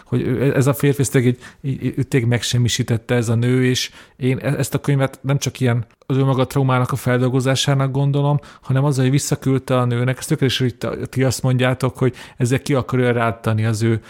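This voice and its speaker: Young man, halting podcast film talk. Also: mid-range voice, flat delivery, a little mellow. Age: young adult. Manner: hesitant, repeats words while thinking. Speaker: podcast co-host. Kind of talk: casual film discussion.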